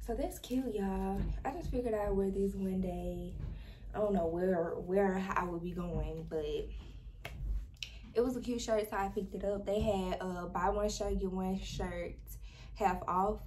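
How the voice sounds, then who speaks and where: A woman's voice: medium pitch, unhurried, a little mellow. A young woman vlogger in casual, informal chat, talking straight to her viewers from a small bedroom, recorded on a camera at desk distance. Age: young adult. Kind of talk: casual haul vlog chat. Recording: noisy background hiss.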